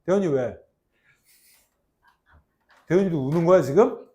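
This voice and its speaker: Lively, high-pitched Korean-style classroom teacher. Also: male voice, a little slow, dull audio. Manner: animated, jokey, teasing students between grammar points. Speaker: English teacher. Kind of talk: classroom lecture with banter.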